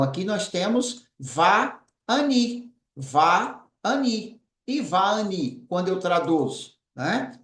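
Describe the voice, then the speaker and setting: A man teaching a recorded lesson, patiently repeating words slowly as he writes. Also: high-pitched, roomy sound. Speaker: Biblical Hebrew teacher.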